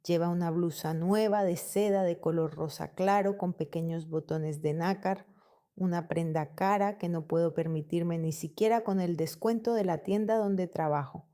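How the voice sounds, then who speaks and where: A woman reading a first-person family story as narrator, in a calm, measured storytelling manner. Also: fairly low pitch, clean tone.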